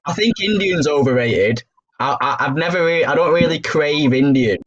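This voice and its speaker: A man's voice: on the high side, lively intonation, normal speed, highs cut off, a loud crowd. A young man, co-hosting a podcast in casual banter with friends, swearing and laughing as he rambles. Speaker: podcast co-host.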